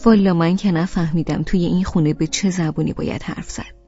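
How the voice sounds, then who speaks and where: A woman reading an audiobook, voicing a fussy, grumbling old grandmother who softens quickly. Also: on the low side, dull audio, faint music behind. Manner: grumbling, complaining.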